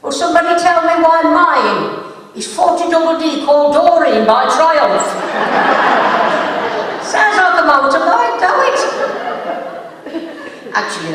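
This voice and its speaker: A woman spins chatty, gossipy comic stories in a high, bouncy voice that leaps up and down. She is heard from a distance in a big echoing hall, with a faint hum of the room behind her. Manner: chatty, gossipy, laughs at her own jokes. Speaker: stand-up comic. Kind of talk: comic storytelling on stage. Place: live stage show in a hall. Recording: echoey hall from far off.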